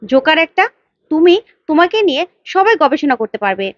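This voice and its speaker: A woman voicing a sharp-tongued young wife who mocks her husband, in a retold serial. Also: high-pitched, big pitch swings, brisk, no echo, lo-fi sound. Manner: mocking, scornful.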